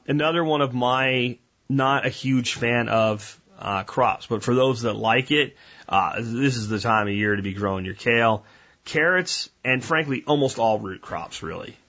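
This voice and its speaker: A man's voice: mid-range voice, a bit bright, dull audio. A man hosting a podcast, talking in a folksy, rambling way and addressing listeners as guys. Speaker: podcast host. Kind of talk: casual podcast monologue.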